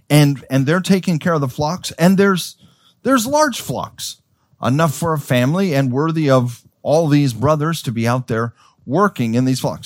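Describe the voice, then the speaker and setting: A man's voice: fairly high pitch, dry recording, studio quality. A man preaching a sermon as pastor. He tells the story in a conversational way, with stammers and restarts, and acts out the characters' voices.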